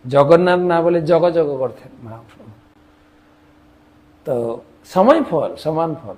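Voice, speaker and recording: A man preaches a devotional sermon in an unhurried, measured way. His voice sits a little high for a man. He slips into a lilting chant of the mantra and playfully copies other regions' pronunciations. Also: expressive, darkish tone. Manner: chants the mantra in a singsong rhythm between spoken teaching.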